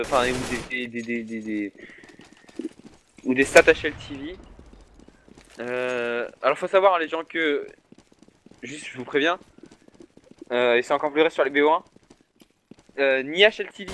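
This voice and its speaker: A man's voice: medium pitch, a bit bright, a little hiss or hum. A man, an esports caster chatting alone before a match, joking about himself and answering viewers' questions. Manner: chatty, self-mocking, answers chat questions. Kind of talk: solo pre-match stream commentary.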